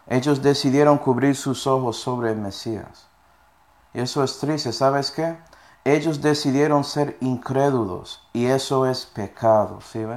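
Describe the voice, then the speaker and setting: A man preaching a sermon, reading scripture verses aloud and often checking in with his listeners with short questions. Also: mid-range voice. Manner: reads scripture verses aloud between explanations.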